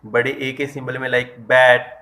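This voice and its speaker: A man gives an English phonetics lesson to his students. He talks in a flat, level voice, hesitating and correcting himself as he goes. He draws out and stresses each example word. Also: mid-range voice, moderate pace. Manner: explains step by step and addresses students directly; stresses and drawls out example words. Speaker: English teacher. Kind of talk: online lesson.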